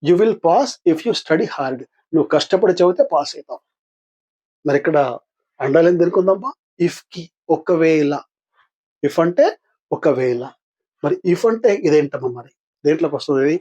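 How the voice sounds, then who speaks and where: An older man with a Telugu accent, his voice a little husky and pitched somewhat high. He teaches English grammar for an exam, patiently putting questions to his listeners and then answering them himself. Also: lively intonation, normal speed, long pauses, dark tone. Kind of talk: exam-practice lesson.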